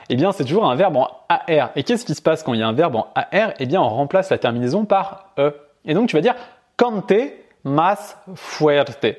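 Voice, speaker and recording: A man's voice: medium pitch, a little mellow. A man giving a casual online language lesson, chatty and encouraging, speaking directly to the learner. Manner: chatty, addresses the learner as tu, many fillers. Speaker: Spanish teacher.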